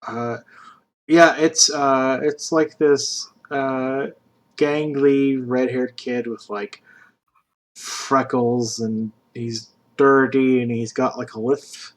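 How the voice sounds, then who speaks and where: Speaking at a medium pitch and taking his time, a man runs a tabletop role-playing game. He narrates the scenes casually, with plenty of filler words.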